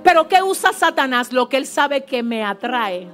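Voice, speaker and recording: A woman pastor preaching a fervent, animated sermon in a church service, with asides to the congregation. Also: sits high, normal speed, soft background music.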